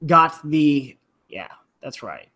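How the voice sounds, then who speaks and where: A man's voice: on the high side, sing-song, slow, pushed and bright. A man hosting a casual chat, rambling with restarts and the odd swear. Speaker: rugby podcast host.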